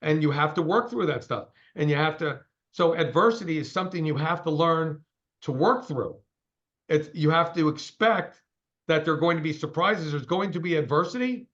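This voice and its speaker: A man's voice: fairly high pitch, normal speed, fairly bright tone, highs cut off. A man in his sixties, a company CEO, giving a straight-talking, emphatic interview over a call. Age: 60s.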